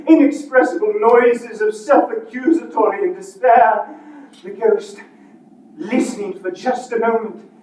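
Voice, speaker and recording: A woman solo stage performer giving measured, dramatic narration of a scripted story while playing both parts. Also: mid-range voice, mellow. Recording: echoey hall from far off, faint noise.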